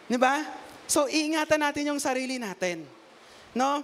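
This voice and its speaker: A man with a strikingly high voice gives a relaxed, conversational Taglish sermon, moving between Tagalog and English. He keeps drawing listeners in with quick tag questions, talking with the congregation rather than at it.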